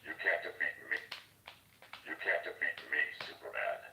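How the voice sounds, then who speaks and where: Very deep masked vigilante toy with a morphing voice-changer effect. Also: male voice, fairly even intonation, moderate pace, creaky. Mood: menacing. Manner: stern, threatening taunts. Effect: morphing voice-changer filter on a toy speaker. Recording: toy speaker in an echoey room with background noise.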